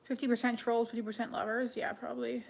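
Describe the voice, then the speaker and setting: Chatty woman live-streaming, higher voice. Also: little pitch movement, fast, creaky. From Canada. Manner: chatty and offhand, with many "like" fillers and soft half-whispered asides. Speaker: livestreamer. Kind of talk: casual live-stream chat answering viewers.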